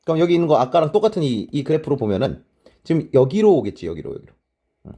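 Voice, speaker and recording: Lively, husky-voiced lecturing man. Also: a little high, fast talker. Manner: casual, checks in often with tag questions; mixes polite and plain speech. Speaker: teacher. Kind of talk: online exam-prep lecture.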